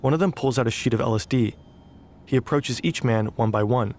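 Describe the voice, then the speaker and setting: A man giving scripted documentary narration with a dramatic, measured delivery. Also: mid-range voice, a little mellow.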